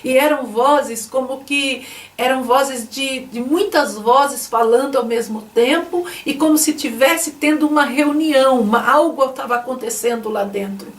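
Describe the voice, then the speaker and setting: A woman's voice: sits high, measured pace, echoey room, recorded from a distance. A woman giving an emotional religious testimony to camera, telling her story with lots of repetition. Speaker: testimony speaker.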